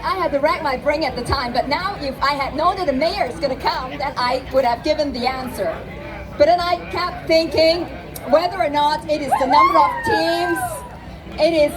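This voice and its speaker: A woman from Hong Kong giving a formal, upbeat welcome speech outdoors at a festival on a microphone. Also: sits high. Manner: formal, upbeat, addressing a crowd. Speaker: festival speaker and trade office director. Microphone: handheld microphone over a PA. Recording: outdoor crowd noise around speaker. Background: crowd noise.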